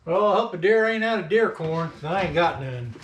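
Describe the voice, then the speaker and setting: A man's voice: animated, a little fast. An older man, muttering grumpily and casually to himself as he does outdoor chores. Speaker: vlogger filling bird feeders. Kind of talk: casual talk to self while doing chores. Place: outdoors in a yard. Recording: noisy outdoor recording with loud rumble.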